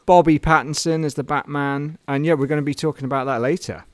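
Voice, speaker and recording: A man's voice: a little high, steady tone, quick pace, no echo. A man co-hosting a comedy podcast, bantering in a playful, self-mocking way. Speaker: podcast co-host. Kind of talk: casual comedic chat.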